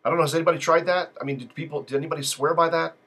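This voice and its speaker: A man hosts a live call-in stream in a rambling, unscripted monologue, drifting off topic and cracking jokes. His voice is husky and breathy, with a bright, forceful edge and a pitch a little above most men. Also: steady tone, rapid-fire. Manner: digressive, loose and joking. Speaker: live call-in show host.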